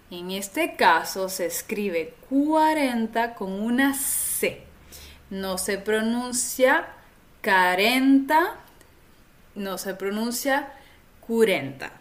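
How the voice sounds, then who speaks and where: A woman who is a native Spanish speaker, teaching pronunciation in a slow, careful lesson, drilling words and having listeners repeat after her. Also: a little high.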